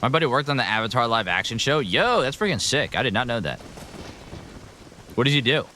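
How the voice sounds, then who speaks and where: A man's voice: medium pitch, very animated, brisk, bright, forceful tone, slight background noise. A man streaming a video game, chatting casually with his viewers as he plays. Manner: chatty, answering chat as he plays. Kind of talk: casual gameplay commentary.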